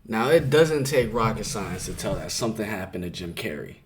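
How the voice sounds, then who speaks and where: A man's voice: lowish voice, expressive, brisk. A man with a New York accent hosting a reaction video, talking in a skeptical, emphatic way and repeating words as he pushes his point. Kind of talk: casual commentary to camera.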